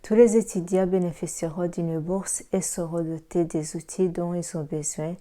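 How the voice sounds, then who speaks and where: A woman's voice: lowish voice, steady tone, normal speed, dark tone. A woman from Rwanda giving a prepared presentation, reading steadily with occasional hesitant fillers. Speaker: pharmacy assistant and network marketer.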